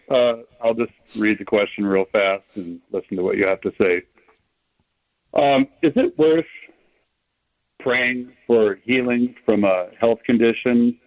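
Guy calling into a radio show on the phone, kinda hesitant, lowish voice, thin phone sound. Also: no echo. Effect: phone line. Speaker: caller. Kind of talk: reading a question on a call-in show. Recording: tinny phone line.

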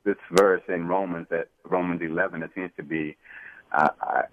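Deep-voiced radio show caller on phone. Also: male voice, steady tone, normal speed, slight background noise. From Florida, USA. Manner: hesitant, many ums and restarts. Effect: radio show caller over a phone line. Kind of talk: call-in question to a Bible teacher. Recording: tinny phone line, dry.

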